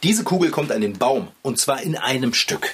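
Casting: a man as a warm-hearted bike mechanic for a children's audio play, lively in pitch, faint hiss behind. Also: moderate pace, lightly acted. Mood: cheerful. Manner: affectionate, gently scolding. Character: kindly, excitable bicycle mechanic.

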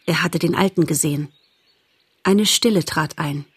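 Woman reading an audiobook story, calm measured pace, kinda husky voice. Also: low voice. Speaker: narrator. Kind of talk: audiobook narration.

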